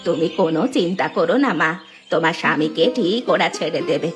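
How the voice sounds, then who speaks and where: A soothing old village granny, voiced by a woman in a cartoon, speaking in a low, gentle, motherly way. Music plays under her lines. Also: a little fast, close to an everyday voice. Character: kindly old village woman, the grandmother figure. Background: background music.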